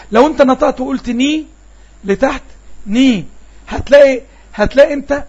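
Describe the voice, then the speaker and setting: A man with an Egyptian Arabic accent gives an online Arabic lesson, patiently repeating sounds and quizzing his students. His voice is extremely high with a breathy edge, and the audio sounds dull.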